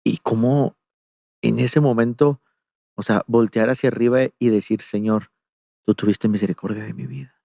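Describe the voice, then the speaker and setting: A male interviewer with a mellow, darker voice asks reflective follow-up questions. He keeps the guest going with soft "ujú" sounds. The recording is dry and close. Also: medium pitch, fairly even intonation, normal speed, gravelly, no room sound. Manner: encouraging, with soft "ujú" backchannels.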